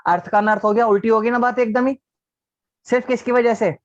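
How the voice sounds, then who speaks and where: Over a dull, lo-fi video call, a man teaches an online class, patiently posing questions to the class and answering them himself. His voice is very high with fairly even intonation, a little fast, and the recording is dry.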